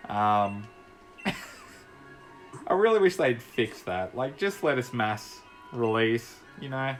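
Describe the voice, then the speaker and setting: A young Australian man, a gaming YouTuber, chats casually while playing and commentating a video game, rambling and laughing easily. His mid-range voice is very animated and fairly bright, though he takes it slowly. Faint music plays behind him.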